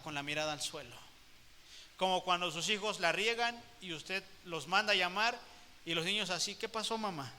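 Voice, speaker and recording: A man's voice: sits high, sharp tone, long reverb tail, slight background noise. A man preaching a sermon to his church, impassioned and repetitive, speaking directly to the congregation. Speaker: pastor.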